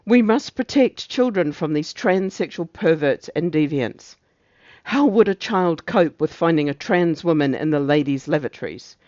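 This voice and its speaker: A man's voice: fairly high pitch, expressive, normal speed, a little mellow, no echo, dull audio, lightly acted. A man playing a pompous, zealous morality officer, declaiming a satirical monologue in preachy, emphatic speeches. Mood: pious outrage.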